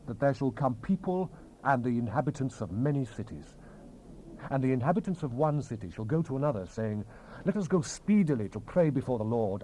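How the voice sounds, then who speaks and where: This scripture narrator has a mellow, medium-pitched voice and delivers King James verses in a solemn, theatrical, declamatory reading. The rough recording is a hissy old cassette rip from the 1970s.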